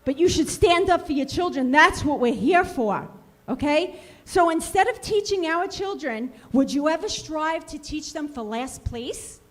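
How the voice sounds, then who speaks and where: A woman's voice: sits high, animated, a little slow. A woman in her forties, a parent giving impassioned public comment at a school board meeting, confrontational and scolding, firing off rhetorical questions into a podium microphone.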